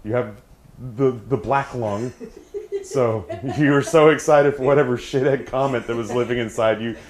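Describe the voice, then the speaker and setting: Middle aged guy streaming, medium pitch, joking around casually, kinda wry and teasing. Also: normal speed, a crowd in the background. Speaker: streamer hosting a charity subathon.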